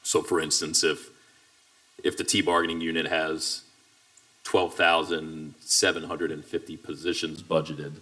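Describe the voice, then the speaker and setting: A man speaking for a union coalition in a bargaining session, measured and deliberate, slowing down to dictate data requests in a meeting room. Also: extremely low pitch, flat delivery, pushed and bright. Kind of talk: formal negotiation statement.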